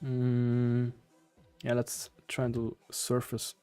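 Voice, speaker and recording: A man's voice: medium pitch, monotone, slow pace, mellow, clear, resonant tone, faint music behind. A man with a German accent doing casual live coding commentary, hesitantly thinking aloud in fragments. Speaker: live-streaming programmer.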